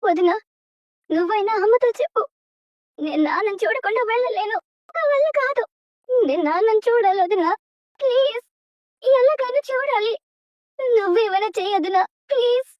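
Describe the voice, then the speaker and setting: A young daughter, high and pleading, very dry mix. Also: female voice, lively intonation, moderate pace, long pauses, dry recording, lo-fi sound. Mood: desperate. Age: young adult. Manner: pleading, tearful. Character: tearful young woman begging her family. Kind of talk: TV serial drama acting.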